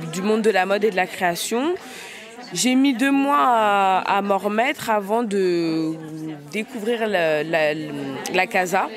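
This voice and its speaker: A nineteen-year-old woman from Paris, a fashion student, answering an interview with many hesitations and restarts. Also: medium pitch. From Paris, France.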